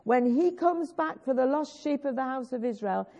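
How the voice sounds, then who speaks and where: Preaching a sermon and teaching a worship song, a woman with a growly voice earnestly urges her congregation and coaxes them to join in. She sounds high-pitched, animated, gravelly, and warm, at normal speed, on a dull lo-fi recording.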